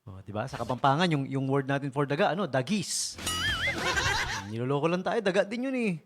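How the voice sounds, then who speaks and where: A man's voice: a little high, brisk. A man, a radio DJ telling funny stories in a casual, joking way and laughing often. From Philippines. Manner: joking, chuckling often, animated. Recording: radio broadcast with music behind. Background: music.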